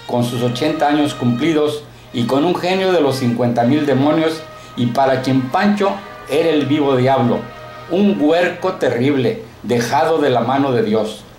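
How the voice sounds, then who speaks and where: A man reading a short story aloud in a steady, colloquial narrating manner, recorded in an echoey room. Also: medium pitch, moderate pace, soft background music.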